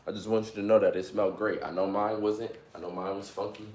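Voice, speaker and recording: A young man in his twenties talks to his live chat in a low-pitched voice. He keeps it upbeat and full of slang, hyping himself up between workout sets at home. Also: flat delivery, quick pace, a little mellow. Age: 20s. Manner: upbeat, hyped, slangy and motivational. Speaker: livestreamer. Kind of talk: casual live-stream chat.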